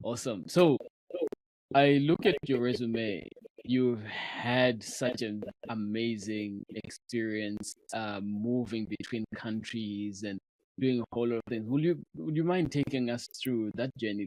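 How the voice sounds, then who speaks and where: A man hosting a podcast in a conversational, halting way, pausing often as he introduces and questions. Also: mid-range voice, darkish tone, dry recording, low-quality recording. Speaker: podcast host.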